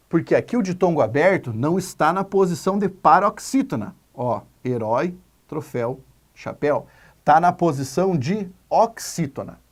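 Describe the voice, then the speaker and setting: In a video lesson, a Portuguese teacher, a man, speaks with lively energy and lots of pitch movement. He stresses his points and slowly spells out words letter by letter.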